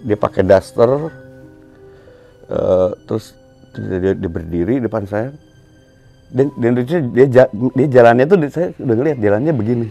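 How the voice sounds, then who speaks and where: A middle-aged man from Bandung, a band musician, telling a story in an animated way on a casual podcast and acting out scenes with sound words. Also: medium pitch, normal speed, vocal fry, pauses often, faint music behind. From Bandung, Indonesia.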